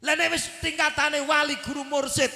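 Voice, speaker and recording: A middle-aged man with a Javanese accent preaching a village sermon, animated and joking, bursting into shouts. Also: very high voice, moderate pace, reverberant, big-room sound. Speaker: Islamic preacher. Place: outdoor village gathering.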